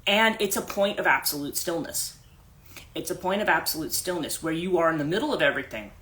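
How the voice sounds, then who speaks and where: A woman's voice: deep voice, animated, brisk, a bit bright. A middle-aged woman life coach telling a personal story on a morning phone livestream, rambling with many fillers and restarts.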